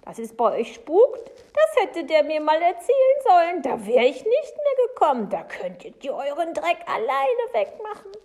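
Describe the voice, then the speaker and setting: A flustered older housekeeper frets in a high, strained voice, circling back to the same words. A woman reads her lines in a children's storybook. The voice is loud and up in the register. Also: wildly swooping pitch, moderate pace, hardly any pauses, heavily acted. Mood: indignant. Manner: anxious, repetitive muttering.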